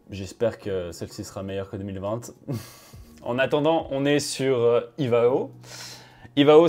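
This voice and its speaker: A man casually commenting on a flight simulator as host and virtual pilot. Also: mid-range voice. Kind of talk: casual gaming commentary with pilot radio calls.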